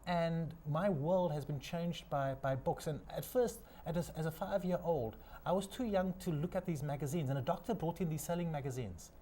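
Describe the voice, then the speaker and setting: A man from South Africa with a South African accent, a studio guest telling his life story in a measured, inspirational way. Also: a little high, warm tone, slight background noise. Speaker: guest, sailor and keynote speaker. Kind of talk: interview storytelling.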